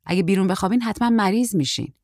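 A woman's voice: medium pitch, expressive, a little mellow, no room sound. A woman voicing a brusque, terse middle-aged woman who talks in a dry, impatient way.

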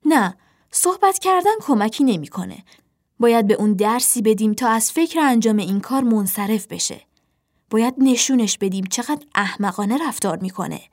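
A woman's voice: medium pitch, lightly acted. A woman voicing a bossy, self-satisfied young male crow who leads his siblings, speaking in a commanding tone. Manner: commanding, smug.

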